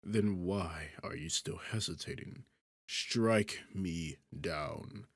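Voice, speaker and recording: A man voicing an arrogant, seductive demon king in an ASMR roleplay, taunting the listener in a condescending, theatrical manner with a husky, gravelly voice. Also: low voice, dry recording, clean studio sound, full character voice. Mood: taunting, menacing. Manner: taunting, condescending, theatrical, slow deliberate phrasing.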